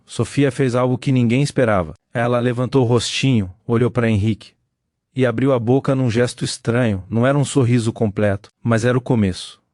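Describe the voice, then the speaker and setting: A man giving a scripted dramatic narration in a measured, solemn storytelling manner. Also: medium pitch, darkish tone, dry recording, studio quality.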